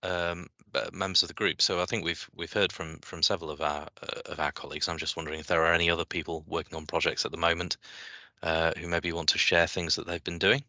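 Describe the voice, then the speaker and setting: A man chairing an online meeting, moving through the agenda with hesitant pauses and fillers. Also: deep voice, little pitch movement, sharp tone, no room sound. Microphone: video call.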